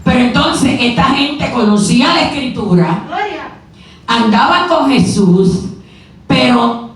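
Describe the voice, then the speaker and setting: A woman preacher giving a sermon in a church, retelling a story with rhetorical questions and quick asides. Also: on the high side, expressive. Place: church sanctuary. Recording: very echoey hall, mic far off.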